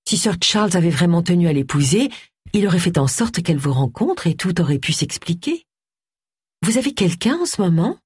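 A woman voicing a gentle vicar's wife. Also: fairly low pitch, big pitch swings, a little fast, husky, dry recording, clean studio sound, full character voice. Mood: consoling.

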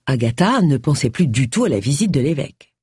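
Female audiobook narrator, animated, breathy, dry close sound. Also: a bass voice, brisk, no room sound. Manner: lively expressive reading. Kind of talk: scripted narration.

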